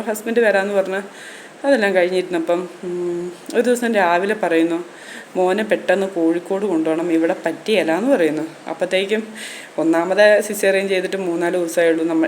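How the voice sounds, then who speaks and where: Speaking in a darkish, lowish voice over a little hiss or hum, a mom vlogger shares her personal story conversationally. She addresses viewers constantly, with plenty of "you know" and a recurring "keto" tag.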